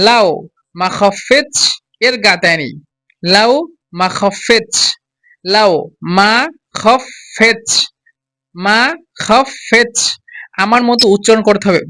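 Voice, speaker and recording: A man gives a language lesson in a high, bright voice. He repeats each phrase slowly and presses learners to say it exactly as he does. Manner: repeats each phrase slowly and urges listeners to copy his pronunciation. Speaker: Arabic teacher.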